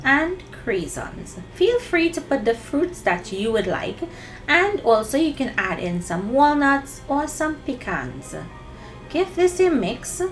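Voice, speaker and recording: A high-pitched woman demonstrates a recipe for children, addressing them directly. Her style is friendly and instructive.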